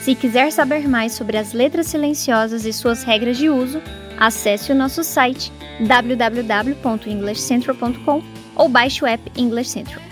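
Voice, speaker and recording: A Brazilian woman reading a scripted English pronunciation lesson for a podcast, clear and deliberate as she pairs each word with its translation. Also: a little high, faint music behind. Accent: Brazilian Portuguese.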